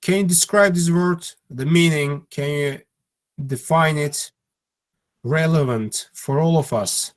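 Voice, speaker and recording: A man with a Turkish accent teaching an online English lesson, speaking haltingly with fillers and repeating himself. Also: fairly high pitch.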